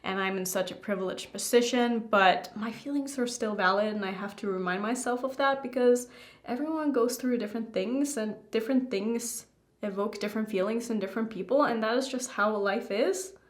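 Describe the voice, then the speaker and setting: A woman's voice: on the high side, moderate pace. A young adult woman rambling candidly to her viewers in a casual makeup vlog. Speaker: beauty YouTuber. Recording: roomy indoor echo.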